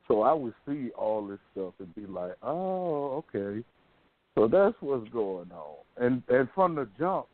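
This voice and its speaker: An American radio host runs a casual call-in discussion, telling stories in a loose, colloquial way. His voice is on the low side, and the audio is narrow and phone-like with no echo.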